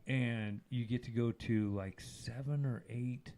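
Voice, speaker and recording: A man's voice: mid-range voice, steady tone, takes it slowly, warm tone. A man co-hosting a podcast, casually telling a rambling story and acting out what people said. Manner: rambling storyteller, acts out quotes. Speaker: podcast co-host. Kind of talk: casual chat.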